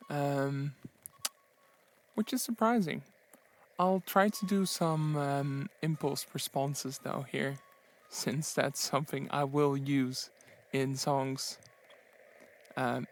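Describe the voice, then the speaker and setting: A man's voice: a little high, slight background noise. Tired man recording outdoors in the rain. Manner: halting, rambling, reflective. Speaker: travel vlogger on a solo walking trip. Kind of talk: casual field-recorded audio diary. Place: outdoors under an umbrella in the rain. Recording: outdoors in rain, under umbrella.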